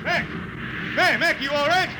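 A man's voice: very high-pitched, unhurried. An actor playing a stubborn old blind spaceman balladeer with a folksy American drawl in a 1950s radio drama. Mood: urgent. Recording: very noisy vintage radio recording.

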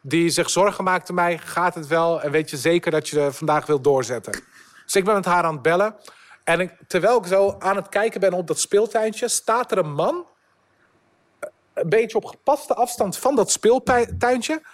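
A young man, a podcast guest, telling a lively anecdote, swearing freely and dropping English words into his talk. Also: high voice, moderate pace. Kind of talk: storytelling anecdote.

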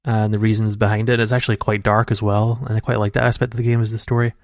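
Speaking fast in a fairly low, level voice, a man co-hosts a relaxed gaming podcast, talking in long rambling runs full of restarts and fillers. A home computer mic over a call records him raw, dry and without room sound.

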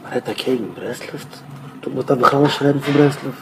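A man, a rabbi, giving an informal Torah talk in a rambling, conversational way with sudden louder bursts. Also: mid-range voice, fairly quick, heavy background noise.

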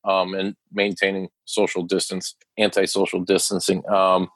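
A man's voice: sits low, monotone, normal speed, fairly bright tone, no room sound, poor audio. A man chatting casually about wrestling like a frat bro, with plenty of slang and swearing. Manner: frat-bro talk full of dude, like and swearing. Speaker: wrestling podcast co-host. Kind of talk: casual, profane wrestling chat.

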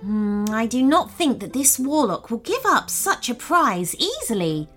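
A woman voicing a cautious unicorn in a storybook, speaking in a thoughtful, measured way. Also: a little high, big pitch swings, fairly bright tone, faint music behind. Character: the third unicorn, cautious wise creature.

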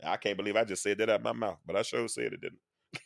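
A man in his forties, a show host being interviewed on a live-stream talk, speaks in a lowish, gravelly voice at a quick pace. He's earnest and preacher-like, occasionally breaking into a sung phrase. The recording is dry, with clean studio sound.

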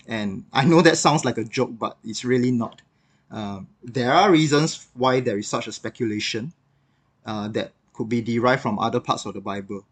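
A man's voice: medium pitch, normal speed. Reflective man giving a devotional talk. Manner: reflective, conversational teaching with occasional fillers. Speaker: devotional speaker.

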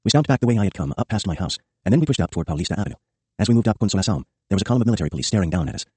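A man reading a first-person memoir as an audiobook, brisk and matter-of-fact. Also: deep voice, lively intonation, darkish tone, husky, dry recording. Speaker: audiobook narrator.

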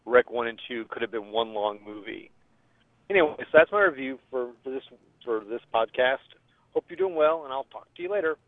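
This is a phone-line voicemail in which a male caller casually reviews a film. His voice is medium in pitch with no echo, and the audio comes across dull and dry.

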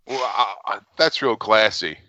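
A man chatting casually as a podcast panelist, halting and slangy with plenty of swearing. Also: fairly low pitch, sharp tone, no room sound, dull audio. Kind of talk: casual chat.

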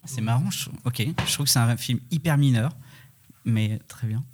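A man co-hosting a film podcast in a mid-range voice. He is soft-spoken and halting and often trails off into fillers. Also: mid-range voice, slight background noise. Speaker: podcast co-host. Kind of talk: casual chat.

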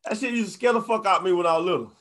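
A man's voice: high-pitched, racing, a bit bright. A man with an American accent interviewing casually, agreeable and slangy, swearing freely. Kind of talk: casual chat.

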